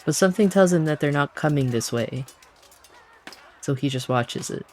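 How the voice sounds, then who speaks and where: A man's voice: fairly high pitch, normal speed, slight background noise. Man describing his character's actions. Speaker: player.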